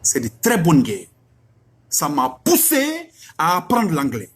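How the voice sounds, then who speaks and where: A man's voice: a little high, wildly swooping pitch, takes it slowly, slightly rough. A middle-aged man from Africa, preaching emphatically and asking rhetorical questions. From West Africa. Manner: emphatic, rhetorical questions, repeats lines for effect. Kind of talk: religious exhortation.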